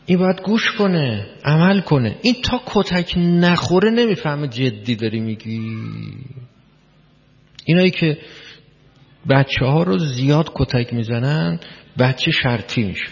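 A man's voice: on the high side, animated. A man giving a spoken lecture, explaining step by step, repeating key words and putting questions to his listeners. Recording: long hall reverb, dull lo-fi sound.

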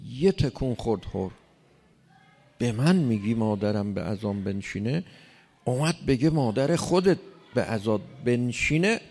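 Long hall reverb carries a sermon delivered by a man whose voice is a bit high and creaky. He preaches emphatically, building to loud stresses on the lines that matter most.

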